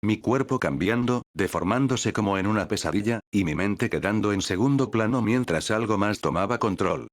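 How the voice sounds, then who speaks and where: A man's voice: fairly low pitch, expressive, moderate pace, few pauses, dry recording. A man narrating a first-person fan story in a wry, casual manner. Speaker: fanfic narrator.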